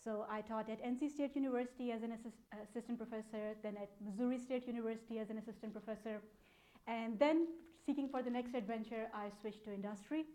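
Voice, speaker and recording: On a low-quality recording, this Pakistani-accented data analytics program manager in her thirties presents informally at a conference in an explanatory, chatty way. She speaks at a quick pace in a steady, mellow voice on the high side.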